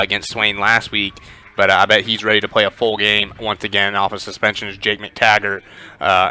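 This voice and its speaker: A man calls pregame football talk in a relaxed, chatty way, his speech full of "uh" and "you know" as he builds toward animated stories. His voice sits a little low but comes through bright, forceful and smooth. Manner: conversational, many "uh" fillers, animated storytelling. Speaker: sports commentator.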